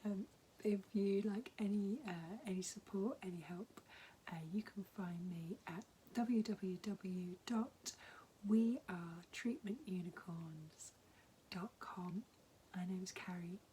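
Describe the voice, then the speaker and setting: A hoarse woman with a husky, half-whispered voice, gently giving encouraging advice in a casual vlog. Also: mid-range voice, steady tone, takes it slowly, a little hiss or hum, rough recording. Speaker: mentor.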